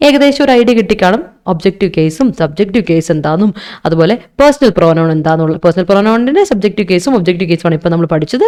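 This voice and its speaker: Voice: mid-range voice, expressive, a little mellow. Teacher explaining step by step. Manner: explains step by step with frequent "okay" and quick self-corrections. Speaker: English teacher for exam preparation. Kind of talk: online exam-prep lesson mixing Malayalam and English. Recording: online class recording.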